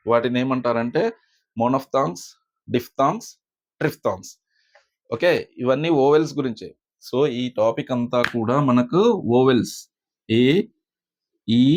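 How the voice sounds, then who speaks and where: Man teaching slowly, many pauses. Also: mid-range voice. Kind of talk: spoken language lesson. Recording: slightly dull lo-fi recording.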